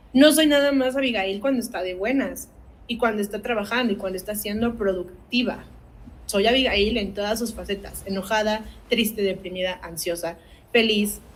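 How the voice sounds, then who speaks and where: A woman's voice: medium pitch, low-quality recording. A woman, an academic coordinator leading a parenting workshop, speaking earnestly and asking her audience rhetorical questions.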